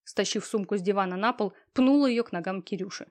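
Woman narrating an audiobook, calm. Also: medium pitch, quick pace.

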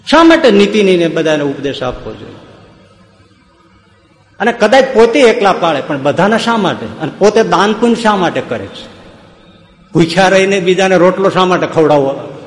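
A man giving a spiritual discourse, telling stories and firing off sarcastic, humorous rhetorical questions. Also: high voice. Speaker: preacher. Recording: echoey hall.

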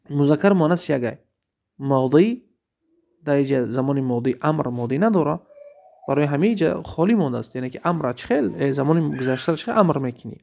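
A man with a Tajik Persian accent teaching an Arabic grammar lesson, explaining step by step, asking questions to check understanding and reading example sentences slowly. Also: a little high, gravelly, a little mellow.

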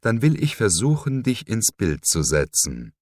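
A man's voice: fairly low pitch, big pitch swings, measured pace, darkish tone, dry recording, studio quality, pitched above the performer's own voice. A man doing a sneering sinister villain. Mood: menacing. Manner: sneering, hissing, menacing. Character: mocking sinister man, cold cult leader. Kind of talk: audiobook reading.

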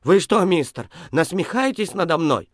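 A man voicing a zealous old woman preacher who scolds and preaches in a high, drawn-out voice. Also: expressive, dry recording, studio quality. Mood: furious.

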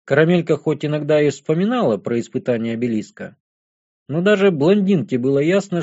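A man reads a first-person fantasy audiobook in an even, measured way. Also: on the high side, lo-fi sound. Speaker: audiobook narrator.

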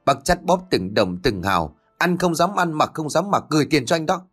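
A man's voice: a little high, animated, normal speed, fairly bright tone, faint music behind, voice pushed up. A man reading an audiobook, playing an outspoken young woman who rebukes her cousin heatedly. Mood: indignant. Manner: rebuking, heated, tearful pleading.

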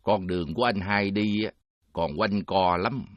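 A man playing a calm Buddhist monk who speaks measured and preaching. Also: deep voice, dry recording, close to an everyday voice.

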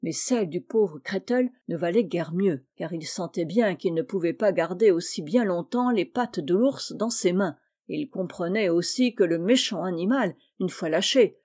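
Mellow-voiced woman reading a tale aloud. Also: lowish voice. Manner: measured, expressive reading. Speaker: audiobook reader. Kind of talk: read-aloud storytelling.

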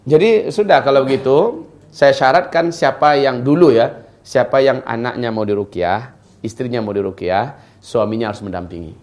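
A man's voice: mid-range voice, moderate pace, a little mellow. A middle-aged man giving an informal religious lecture. He answers questions from the audience and often speaks directly to the women listening. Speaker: Islamic preacher.

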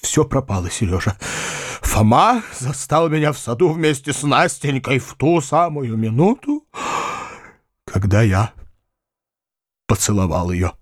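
A flustered middle-aged country gentleman, kind at heart and anxious, voiced by a male reader. He pours out his words in a breathless, rushed way, his pitch leaping up and down. The recording is close and dry. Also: sing-song, no room sound. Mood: confiding, flustered.

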